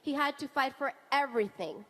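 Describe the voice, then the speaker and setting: A woman in her thirties, born in Venezuela and raised in Canada, delivers a rousing political rally speech full of rhetorical build-ups. Her voice is high and bright, and she speaks briskly. She is the wife of a party leader.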